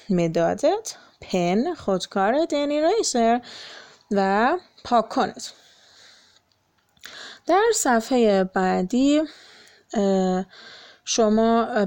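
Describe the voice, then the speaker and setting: A woman's voice: medium pitch, dark tone. A young woman teacher going through an English textbook lesson for children, explaining each step patiently and translating every phrase. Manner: patient, explains then translates, many fillers.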